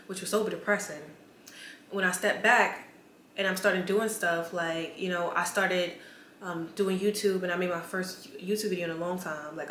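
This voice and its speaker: Here a vlogger in her twenties has a lowish, slightly bright voice as she talks candidly and casually to the camera, leaning heavily on "like." The camera mic picks up a roomy space with faint ambience and slight background noise.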